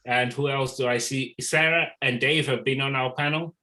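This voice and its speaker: A man's voice: medium pitch, steady tone, moderate pace, pushed and bright, low-quality recording. A man hosting an online art talk, giving casual announcements on a video call with many ums and restarts.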